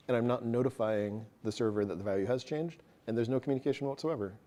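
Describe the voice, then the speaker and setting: A man presenting a technical talk to a live audience, quick and casual, joking about himself. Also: mid-range voice, dark tone. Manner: fast, casual, self-deprecating. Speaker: meetup presenter. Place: meeting room with an audience.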